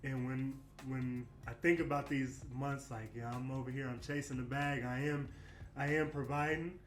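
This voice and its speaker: Candid and reflective, a man in his late twenties who plays basketball chats in a casual interview, peppering his talk with "you know what I mean." His voice is medium-pitched and level at a normal speed, recorded in an echoey room with faint music.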